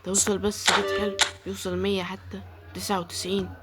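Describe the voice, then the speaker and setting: A woman's voice: medium pitch, level tone, fast, heavy background noise. Egyptian woman pleading over game packs. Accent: Egyptian Arabic. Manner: pleading and complaining, prays over each pack. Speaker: gaming YouTuber. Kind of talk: live gameplay commentary.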